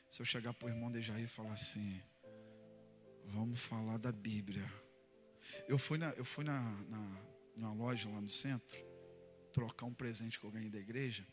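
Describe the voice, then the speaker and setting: A pastor with a Brazilian Portuguese accent preaches a sermon in a church hall, acting out everyday examples with lively energy. His voice is mid-range.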